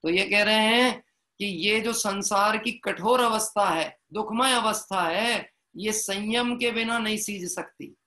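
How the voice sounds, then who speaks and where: A Jain preacher delivers a devotional sermon, telling a parable and slowly chanting verses. His voice sits high and sounds pushed and bright, and he often checks in with listeners through rhetorical questions.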